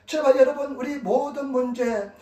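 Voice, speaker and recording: High-voiced pastor preaching in an echoey church. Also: male voice, moderate pace, darkish tone, distant mic. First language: Korean, preaching in Korean in Japan. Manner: emphatic, repetitive exhortation. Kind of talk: sermon. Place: church sanctuary. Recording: echoey room, voice from off-mic.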